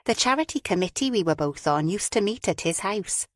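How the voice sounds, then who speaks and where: A woman's voice: medium pitch, expressive, brisk, no echo, lightly acted. A woman narrator puts on a talkative woman friend with a frank, teasing way of talking. The voice sits a little above the narration, close and dry.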